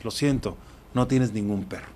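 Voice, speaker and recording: A man's voice: on the low side, moderate pace, mellow, natural voice. A man quoting a curt man nearing forty.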